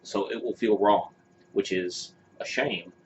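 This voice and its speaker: An unhurried man with a lowish voice and fairly even intonation co-hosts a podcast. His talk is casual and opinionated, meandering with fillers and restarts, and the sound is dull and lo-fi with a little hiss.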